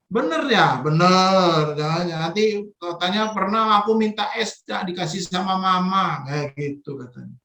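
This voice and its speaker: A man's voice: high voice, lively intonation, moderate pace, pushed and bright, roomy sound. A man leading a children's Sunday school session over a video call, coaxing the kids with playful questions. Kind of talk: children's online worship Q&A.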